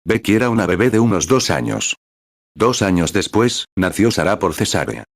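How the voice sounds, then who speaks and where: A man voicing a translated audio letter, telling stories and quoting conversations in an unhurried storytelling way. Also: low voice, very animated, vocal fry, no echo, studio quality. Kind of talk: reading a personal recorded letter aloud.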